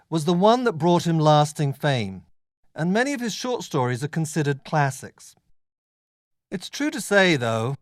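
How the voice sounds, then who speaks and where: A man playing a measured, scholarly literature lecturer, giving a scripted academic lecture to a class in a deliberate, explanatory way. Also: fairly high pitch, dry recording, studio quality.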